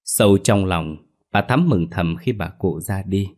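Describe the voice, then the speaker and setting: A man reads a ghost story aloud in a very deep voice. His delivery is steady and dramatic, scripted narration for listeners. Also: measured pace.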